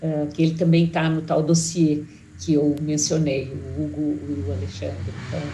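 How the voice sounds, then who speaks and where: A woman's voice: low-pitched, little pitch movement, a little fast, vocal fry, mellow, a little hiss or hum, rough recording. A Brazilian woman, a literature professor, talking in a chatty academic way on a video call, with many fillers and tag questions. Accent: Brazilian Portuguese. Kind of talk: conversational academic talk.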